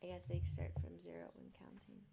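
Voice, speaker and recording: A non-native English-speaking woman talks casually on a stream and reads a book aloud in a fairly low, gravelly, monotone voice at a brisk pace. She rambles, apologizes, and runs herself down, and background noise is audible.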